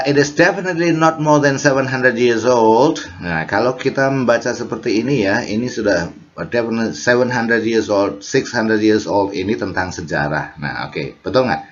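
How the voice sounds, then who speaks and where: Man, Indonesian accent, teacher walking through test questions, low voice, lo-fi sound. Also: a bit bright. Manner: mixes Indonesian explanation with English reading, many fillers and self-corrections. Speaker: English teacher. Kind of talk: explaining exam reading questions.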